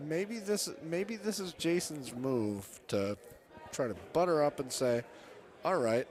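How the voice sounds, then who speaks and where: A man's voice: a little high, measured pace, darkish tone. A man co-commentating on a golf tournament in a casual, chatty way, with informal and opinionated banter.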